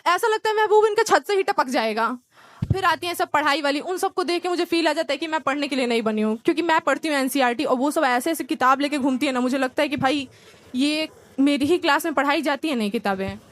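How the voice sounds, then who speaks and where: A young woman from India performs stand-up comedy in with a tinge. Her voice sits high, and she tells her stories in a lively way, slipping into impressions of family and friends. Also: fast, no echo. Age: young adult. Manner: lively storytelling, acts out relatives and friends.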